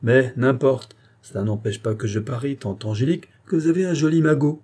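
A man's voice: mid-range voice, fairly quick, darkish tone, pitched above the performer's own voice, close to an everyday voice. A man voicing a jovial country priest with a teasing, bantering manner. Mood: mocking.

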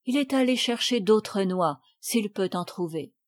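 A woman voicing a sea-captain father in an audiobook, speaking in a calm, measured, firm way. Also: medium pitch, lightly acted.

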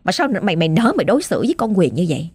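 A woman's voice: lowish voice, very animated, rapid-fire, darkish tone, slightly rough, dry recording, clean studio sound, faint music behind, heavily acted. A woman voicing the angry spirit of a dead grandfather speaking through his granddaughter, scolding and threatening in a harsh Southern Vietnamese accent. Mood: furious.

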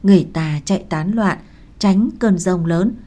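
A woman narrating a romance novel as an audiobook, calm and measured. Her voice is somewhat low and mellow, never sharp. She keeps an even storytelling pace.

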